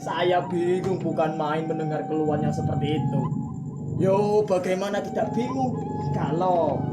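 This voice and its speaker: A man playing a pompous village head. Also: sits high. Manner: self-important, lecturing. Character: pompous middle-aged male village head. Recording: roomy echo with faint music.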